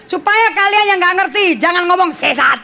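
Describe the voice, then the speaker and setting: A woman preacher delivers a forceful sermon to a church congregation, dropping in English phrases and checking on her listeners. Her voice sits very high, with a bright, sharp edge. She speaks with insistent emphasis. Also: lively intonation, moderate pace, creaky.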